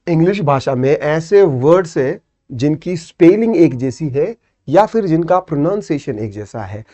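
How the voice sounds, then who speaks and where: A man's voice: a little high, mellow. Man teaching an English lesson with Indian English. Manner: explains step by step, repeats terms, many "theek hai" checks. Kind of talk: exam-prep lesson.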